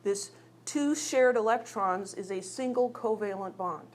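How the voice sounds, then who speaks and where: Slight background noise accompanies a woman's unhurried, medium-pitched voice as she teaches a recorded chemistry class. She works through examples in a chatty, teasing way, questioning her students.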